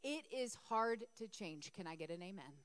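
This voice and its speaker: In a smooth, mid-range voice with lively intonation and normal pacing, a woman pastor preaches conversationally in a church even as her voice gives out. She calls on the congregation for responses; no room sound is audible.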